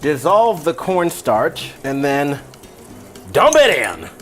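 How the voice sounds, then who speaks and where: Man, slightly high voice, drunk and rambling, irreverent home-cook host, casual how-to delivery, music in the background. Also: sing-song, slow. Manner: irreverent, mildly profane. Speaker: cooking video host. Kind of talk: casual comedic cooking lesson. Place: home kitchen.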